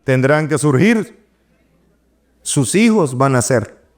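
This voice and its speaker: A middle-aged man, preaching an animated sermon and acting out the voices he quotes. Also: medium pitch, takes it slowly.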